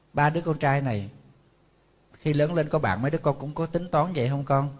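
A husky-voiced man, a monk, preaching in a chatty, storytelling way. He addresses his audience directly and slips into scolding asides as he acts out family quarrels. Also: fairly high pitch. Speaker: Buddhist monk teacher. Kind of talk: conversational sermon to an audience.

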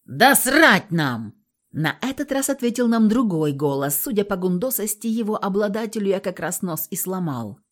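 A woman narrating an audiobook in a lively, expressive storytelling manner. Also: mid-range voice, brisk, few pauses.

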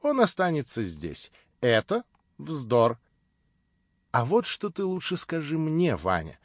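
A man's voice: fairly high pitch, wildly swooping pitch, takes it slowly, dry recording, voice pushed up, exaggerated voice. A man voicing a jovial, roguish old friend who banters and teases. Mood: bantering. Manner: bantering, teasing. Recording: dull, dry recording.

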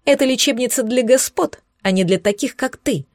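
A spoiled young countess in a storybook reading, shrill and indignant, her voice pitched up high, as a woman puts her on. She sneers and scolds with haughty contempt. The sound is dry and close. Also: moderate pace, no room sound, close to an everyday voice.

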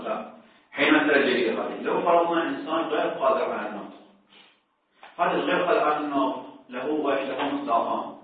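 A man teaching a seminary lecture on religious law, questioning his students and repeating words for emphasis. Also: on the high side. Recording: distant, echoey, phone-like.

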